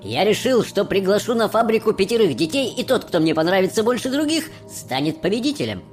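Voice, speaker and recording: Casting: man playing a quirky factory owner, bright and bouncy, faint music under it. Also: high-pitched, big pitch swings, pitched above the performer's own voice. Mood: brisk. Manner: brisk, cheerful, exclamatory. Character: eccentric excitable male chocolate factory owner. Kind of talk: audiobook character voice.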